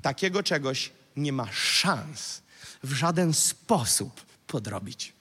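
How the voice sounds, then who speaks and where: Animated pastor preaching in a hall. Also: male voice, mid-range voice, slow, slightly rough. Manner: dramatic, acts out mocking voices and shouts. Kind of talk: sermon. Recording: church hall reverb.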